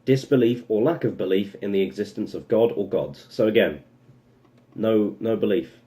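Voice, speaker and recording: A young vlogger with a dark, lowish voice delivers a casual opinion monologue at normal speed. He rambles and turns sarcastic, constantly interrupting himself with asides.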